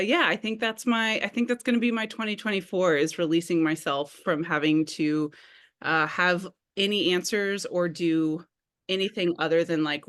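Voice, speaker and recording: A woman speaking candidly and thoughtfully in a community group meeting, with fillers. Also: fairly low pitch. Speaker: community arts meeting participant. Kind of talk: casual sharing in a group meeting.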